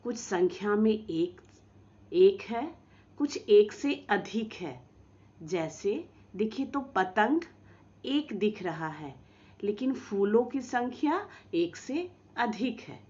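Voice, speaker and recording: Woman teacher for small kids, slow and sing-song, slightly muffled lo-fi recording. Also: mid-range voice. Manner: slow, drawn-out pronunciation of example words; lively, coaxing teacher tone with questions to children. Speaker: school teacher. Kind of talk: recorded online lesson for young children.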